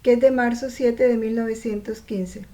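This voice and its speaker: A woman reading from a devotional text and explaining it, pausing to ask her listeners rhetorical questions. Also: on the high side, fairly even intonation, dark tone. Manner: slow, reflective, poses rhetorical questions to listeners.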